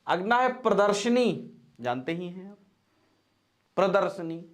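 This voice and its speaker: A man teaching spelling for exams, repeating each word slowly and stressing key syllables, with frequent reminders to pay attention. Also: high-pitched. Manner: animated, coaching tone with frequent reminders. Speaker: Hindi grammar teacher. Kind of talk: exam-prep spelling lesson.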